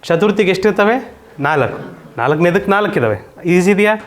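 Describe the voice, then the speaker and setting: A man's voice: sits high, lively intonation, moderate pace. Male teacher quizzing his class. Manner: patient, repeats points and quizzes students. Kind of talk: classroom grammar lesson.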